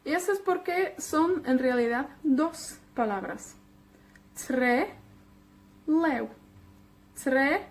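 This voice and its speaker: A woman from Wales whose first language is Welsh, teaching a patient beginner language lesson and repeating words slowly with frequent check-ins. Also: sits high.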